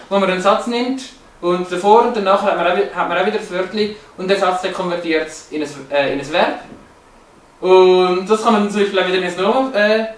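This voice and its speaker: A man explaining language features from slides, hesitant, with many fillers and restarts. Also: high-pitched. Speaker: presenter. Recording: roomy, echoey, from a distance.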